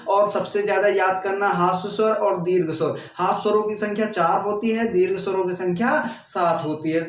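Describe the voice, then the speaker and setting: A man teaching an exam coaching lesson who keeps checking in with his students and draws out sounds to demonstrate them. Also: high voice. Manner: keeps repeating "ठीक है दोस्तों", drawing out sounds to demonstrate. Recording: echoey room, off-mic.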